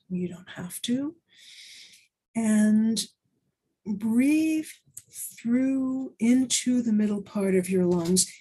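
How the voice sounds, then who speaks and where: A woman talks a listener through a breathing exercise with slow, gentle, soothing instructions. Her voice is mellow and a little breathy, and she leaves long, unhurried pauses between phrases. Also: mid-range voice.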